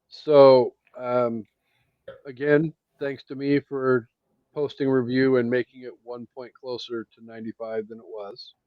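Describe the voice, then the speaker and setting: A man's voice: mid-range voice, flat delivery, no echo, muffled recording. A man co-hosting a casual movie chat with dry, teasing remarks. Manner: dry, teasing, slow-spoken. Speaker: podcast co-host.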